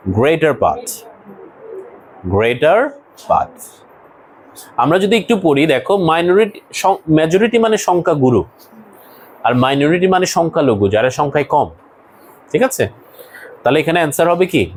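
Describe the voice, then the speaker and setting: A man's voice: a little high, a little hiss or hum, low-quality recording. A man teaching an English lesson to a class, explaining words one by one and asking students questions.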